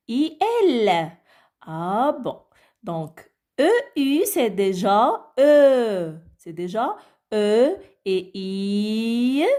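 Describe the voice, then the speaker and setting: A woman's voice: mid-range voice, mellow. A woman teaching a phonics lesson to children, drawing out each word and sound, and often checking that they follow. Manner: slow, drawn-out word and letter pronunciation; coaxing, frequent checks like "d'accord?".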